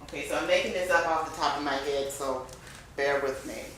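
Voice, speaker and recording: A woman runs a speech class, putting emphasis on words and letting her voice rise and fall. Her voice sits a little low. The room is heavily echoey with a faint hiss of noise. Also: a little fast. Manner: expressive, varies pitch and emphasis. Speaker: speech club instructor. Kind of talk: classroom teaching.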